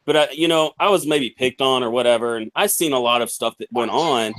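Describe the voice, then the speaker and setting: An earnest man chatting on a video-call panel, rambling a little as he speaks plainly and openly. His voice sits at an ordinary middle pitch. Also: brisk, a bit bright. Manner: earnest, rambling, self-conscious. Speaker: YouTuber guest on a panel. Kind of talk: casual chat.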